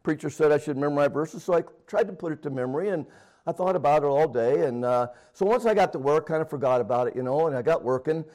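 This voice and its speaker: A middle-aged man preaching and praying in a homespun way, often pausing on "uh" and restarting his sentences. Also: a little high, darkish tone, rough recording. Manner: homespun, fills pauses with "uh", restarts. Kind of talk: folksy sermon with prayer and personal story.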